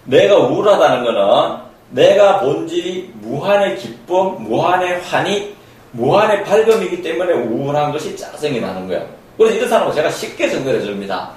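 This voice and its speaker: A man's voice: fairly high pitch, big pitch swings, normal speed, darkish tone. A man giving a spoken lecture as a counselor, emphatic and repetitive, acting out the voices he quotes. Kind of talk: spoken lecture on human nature. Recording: very echoey room, from far off.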